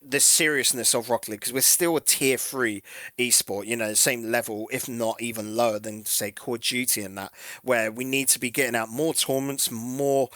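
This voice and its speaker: A man's voice: mid-range voice, fairly even intonation, brisk, a bit bright, no room sound. A man co-hosting a casual esports podcast, rambling and hesitant with lots of fillers. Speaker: podcast co-host.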